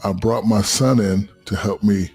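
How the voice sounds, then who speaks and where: Man, 50s, gravelly low voice, profane, relaxed storytelling guest. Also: unhurried, soft background music. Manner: swears freely, loose rambling anecdotes. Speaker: podcast guest. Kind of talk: casual storytelling.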